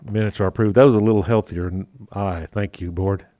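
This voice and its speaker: A man chairing a city council meeting as mayor, his voice muffled through a face mask, talking haltingly with fillers and the odd joke. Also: on the low side, fairly even intonation, mellow, slight background noise. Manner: halting, with fillers and restarts, lightly joking.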